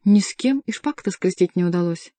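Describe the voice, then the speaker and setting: A woman reading the part of a boastful young courtier in an audiobook, loud and proud. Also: on the low side, lively intonation, fairly quick, no room sound, close to an everyday voice.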